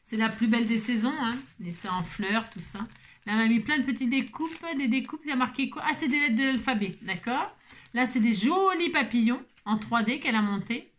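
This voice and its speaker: A woman's voice: a little high, a little fast. A woman vlogging casually while opening craft mail at her table at home, chatty and playful, gushing over every item.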